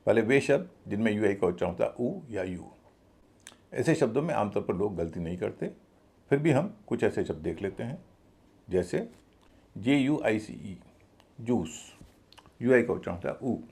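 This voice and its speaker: Male pronunciation teacher, letter-by-letter spelling, repeats words, animated pitch. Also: normal speed, gravelly, pauses often. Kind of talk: video lesson.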